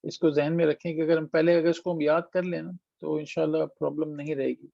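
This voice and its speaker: Speaking with a fairly high pitch, a level tone and vocal fry, a man leads an online tajweed lesson answering students. He demonstrates sounds, mixes in English phrases and explains things patiently step by step, and the call audio is dull and dry.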